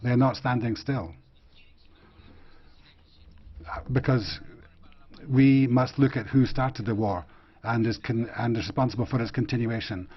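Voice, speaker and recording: A man giving a simultaneous interpretation of parliament speeches, in a measured, halting delivery with frequent pauses. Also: mid-range voice, steady tone, breathy edge. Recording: muffled broadcast audio feed.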